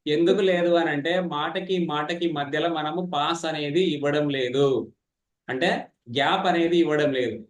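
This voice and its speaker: A man, teaching public speaking in an online class, fast and animated, teasing participants. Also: on the high side, roomy sound. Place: online meeting.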